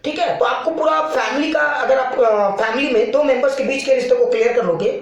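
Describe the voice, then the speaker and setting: A man's voice: very high voice, brisk, highs cut off. A male physics teacher giving a casual classroom lecture, explaining with playful analogies and often checking that students follow. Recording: very echoey room.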